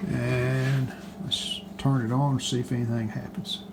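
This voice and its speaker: With a level tone, medium pitch and measured pace, a man presents a radio repair video as a hobbyist restorer. He thinks aloud in short phrases while working, keeping the hands-on commentary casual and unscripted, over clearly noisy home-video sound.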